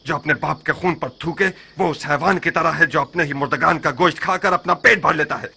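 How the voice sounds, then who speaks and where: An actor playing a proud warrior in a dubbed historical drama, who speaks with grave bitterness and breaks into shouted threats. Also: male voice, on the high side, brisk, creaky, breathy edge, heavily acted. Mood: furious. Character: fierce warrior man, proud and quick to rage. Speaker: [name].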